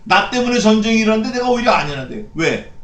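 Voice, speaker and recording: Korean pastor preaching in an echoey church. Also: male voice, high-pitched, very animated, fast, a bit bright. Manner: preaching with rhetorical questions and repeated short phrases. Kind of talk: sermon. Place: church sanctuary.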